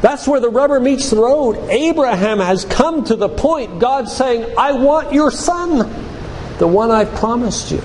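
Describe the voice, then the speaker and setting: An older man, a physician, gives an emphatic, preacherly faith-based lecture to a church congregation, posing rhetorical questions. His voice is very high-pitched, animated, and darkish, at a measured pace, recorded in an echoey church hall with background noise.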